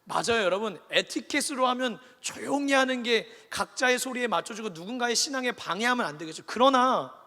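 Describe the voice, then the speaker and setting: A man preaching a sermon as pastor, animated, acting out the people in his story. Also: very high voice, fairly quick, few pauses. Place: large church hall. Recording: long reverb of a church hall.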